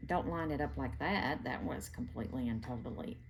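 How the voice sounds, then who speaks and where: Speaking briskly in an extremely low voice, a middle-aged woman hosts a quilting video and walks through a block in her home sewing room. She's folksy and chatty as she works, with slight hiss or hum in the background.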